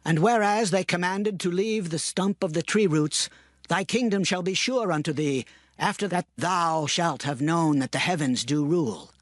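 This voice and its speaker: An actor playing an earnest, respectful prophet counselling his king in a dramatized scripture reading, solemn and measured. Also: on the high side, no room sound, close to an everyday voice. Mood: earnest warning. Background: music.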